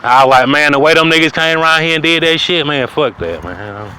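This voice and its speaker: Guy ranting outside, cussing nonstop, goes from preachy yelling to mumbling, wind noise and traffic. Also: a little fast, rough recording. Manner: ranting, profane, repetitive, swings from loud preaching to low mutter. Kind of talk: outdoor rant to camera.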